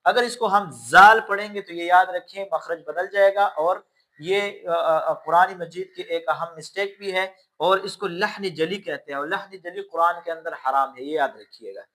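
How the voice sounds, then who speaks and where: A man teaching Quran pronunciation, stretching out each letter sound and then calmly explaining how to make it. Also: high voice. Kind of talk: slow letter-by-letter pronunciation lesson.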